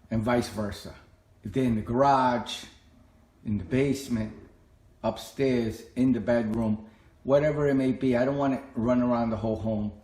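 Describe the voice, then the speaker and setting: This home tech vlogger, a middle-aged man, explains things casually and plainly, repeating himself as he walks through his home. His voice is medium in pitch and a little mellow, echoing in an indoor room.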